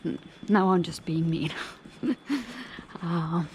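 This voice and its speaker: Filming herself in an airport terminal, a vlogger chats sarcastically and swears without holding back. She speaks slowly and steadily in a fairly low voice, with background noise behind her.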